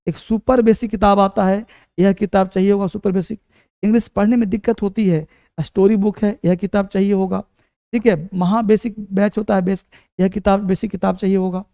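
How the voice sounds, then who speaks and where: A man with a Hindi accent, a high voice for a man, teaches spoken English in a live online lesson. He repeats example sentences over and over and keeps checking that his students are following along. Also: steady tone, a little fast, warm tone. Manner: drills example sentences, coaxing students with "samajh pa rahe ho na".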